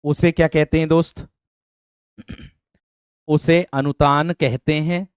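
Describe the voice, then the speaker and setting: A man teaching online exam prep speaks slowly and clearly in a steady, resonant voice that sits on the high side, with no echo. He repeats questions to drill his students, calls them "my friend," and asks them for thumbs up.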